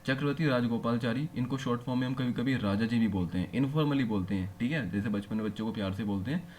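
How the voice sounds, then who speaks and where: A man's voice: medium pitch, fast talker, darkish tone, a little hiss or hum. A male teacher giving a classroom-style lecture, explaining patiently and often asking his students whether they follow. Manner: explains patiently, checks understanding with frequent rhetorical questions.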